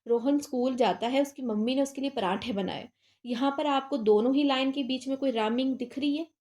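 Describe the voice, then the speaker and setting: A woman's voice: high voice, brisk, a little mellow. A young woman teaching literature terms in a casual exam-prep lecture, talking conversationally and asking and answering her own questions.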